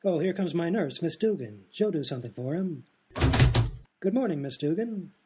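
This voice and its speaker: Heavy background noise sits behind this man's high-leaning voice, which swings widely in pitch at a normal speed. In an absurd radio comedy sketch he plays a daft, oblivious hospital doctor who rambles matter-of-factly and cheerfully drifts off-topic, sounding breezy and absent-minded.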